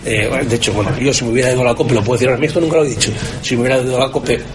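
A man's voice: mid-range voice, steady tone, very fast, crowd noise. A man with a Spanish accent, a sports journalist, talking candidly and emphatically in a colloquial interview. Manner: emphatic, colloquial, rhetorical questions.

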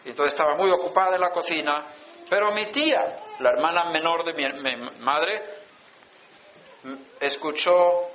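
A man, preaching a personal testimony in slow storytelling with emphatic pauses. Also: a little high, sharp tone. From Sweden. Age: 60s. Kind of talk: sermon testimony. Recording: dull lo-fi conference recording.

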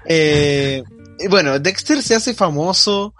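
A young Chilean man with a fairly high voice rambles through a cartoon plot in loose, slangy Spanish. Faint music sits underneath the talk. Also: expressive, slow, fairly bright tone. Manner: rambling storyteller, slangy, laughs while retelling. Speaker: podcast co-host. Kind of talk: casual chat.

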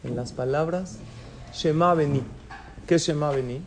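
A man's voice: fairly high pitch, normal speed, noisy background. A man leading a religious class, who poses questions to his listeners, answers them himself and slips in light jokes. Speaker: rabbi teaching a class. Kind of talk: Torah lesson in Spanish with Hebrew terms.

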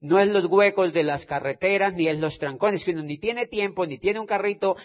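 A high-voiced man from Colombia gives an emphatic motivational talk on stage at a moderate pace. He keeps repeating phrases and checking in with listeners, and the audio is dull and lo-fi.

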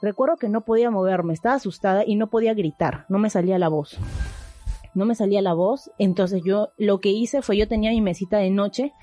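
Young woman, mid-pitched and mellow, casual storyteller who rambles and restarts, over a faint music bed. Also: fairly quick, no room sound. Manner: rambling and vivid, full of fillers and restarts.

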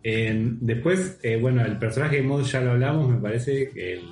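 A man's voice: medium pitch, normal speed, a little mellow, far from the mic. Podcast co-host, Rioplatense man, chatty film talk, echoey room with faint music. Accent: Rioplatense Spanish. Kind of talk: casual film discussion.

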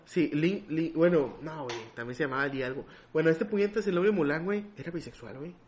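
A man with a Mexican Spanish accent, co-hosting a casual podcast chat with loud, swear-filled banter. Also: on the high side, fast talker, echoey room, muffled recording, a crowd in the background. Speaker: podcast co-host.

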